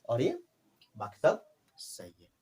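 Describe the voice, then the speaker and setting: Animated man teaching grammar. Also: mid-range voice, slow. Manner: repetitive, addresses viewers as friends. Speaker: English tutor. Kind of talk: classroom grammar lesson.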